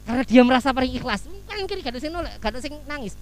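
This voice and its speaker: Animated male preacher, fast tinged talk. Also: extremely high pitch, clear, resonant tone, rough recording. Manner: animated storytelling, acting out little scenes. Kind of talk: lively sermon with Javanese asides. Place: office hall.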